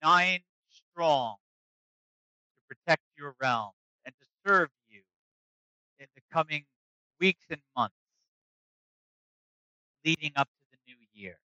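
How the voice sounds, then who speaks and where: A man's voice: on the high side, animated, slow pace, long pauses, sharp tone, clear, resonant tone, dry recording, voice pushed up, heavily acted. A man voicing a timid male villager envoy who stammers and hesitates. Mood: anxious. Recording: dull lo-fi recording.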